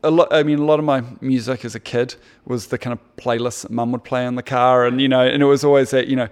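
A man with a New Zealand accent, a guest in a casual interview, telling stories about his past in a relaxed, reflective way. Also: mid-range voice, fast talker, clear, resonant tone. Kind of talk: casual chat.

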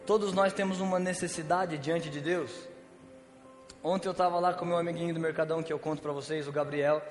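Brazilian male pastor, slightly high voice, laid-back slangy preaching, echoey hall, faint music underneath. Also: steady tone, brisk. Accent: Brazilian Portuguese. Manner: casual slangy storytelling with humor. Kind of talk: sermon.

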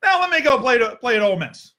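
A man's voice: very high-pitched, very animated, fast talker, bright, forceful tone. A man hosting a sports podcast, ranting in a heated, sarcastic way and swearing freely. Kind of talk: opinionated sports rant.

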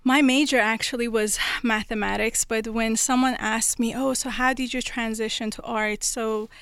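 Creaky-voiced young woman from Iran. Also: a little high, steady tone, moderate pace, a bit bright, no echo, studio quality. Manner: earnest, storytelling, many fillers. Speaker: guest, children's book author. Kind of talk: conversational interview.

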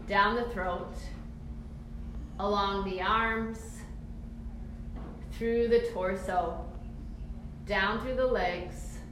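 A woman instructor leading a calm guided grounding exercise, giving soothing, encouraging step-by-step cues for relaxing the body. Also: on the high side. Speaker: movement and mindfulness instructor. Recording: very echoey room, faint background noise.

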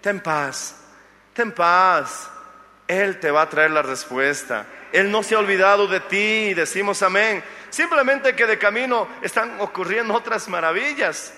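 Man preaching, pastor, animated storyteller, bright voice, long hall reverb. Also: high-pitched, measured pace. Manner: animated storytelling, acts out the Bible figures' lines; jokes with the congregation. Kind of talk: sermon.

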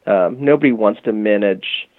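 A man with a lowish voice speaks at normal speed, with no room sound, as a guest on a tinny phone call. Representing a music marketing company, he describes its product in relaxed talk full of "you know" and "um."

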